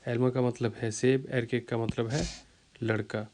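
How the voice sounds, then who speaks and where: A man teaching a vocabulary lesson who speaks. He repeats each word slowly and uses many fillers as he explains. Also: mid-range voice, flat delivery, darkish tone, slight background noise. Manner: slow, repeats words to drill pronunciation, many fillers. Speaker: language teacher.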